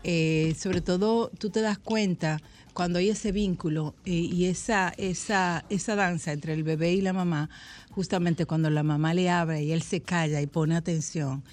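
A woman's voice: on the low side, steady tone, moderate pace, darkish tone. A woman doctor, a guest on a radio talk show, explaining things in an earnest, affirming way. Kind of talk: casual radio chat.

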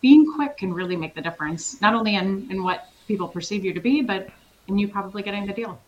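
A middle-aged woman from Switzerland, a consultancy founder answering interview questions in an energetic, emphatic way and laughing easily. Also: medium pitch, fast, low-quality recording. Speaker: sales consultancy founder, guest.

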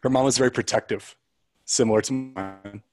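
A man's voice: medium pitch, steady tone, brisk, a little mellow, no echo. A man as an interview guest, telling a personal story in an earnest, reflective way with restarts.

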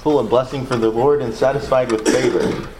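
A man's voice: medium pitch, a little fast, noisy background. A man with a Southern US accent leading a Bible study, thinking aloud in a loose, hesitant way as he reads and discusses scripture.

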